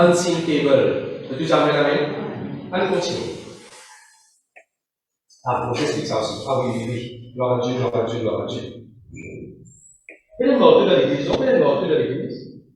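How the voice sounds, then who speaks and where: A male pastor preaching a sermon, repeating phrases and slipping in English lines. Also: on the high side. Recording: echoey hall, distant mic, faint noise.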